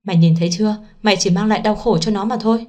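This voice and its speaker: A woman voicing an angry, frantic mother who scolds in a shrill voice in a storybook reading. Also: very fast, a little mellow, close to an everyday voice. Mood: furious.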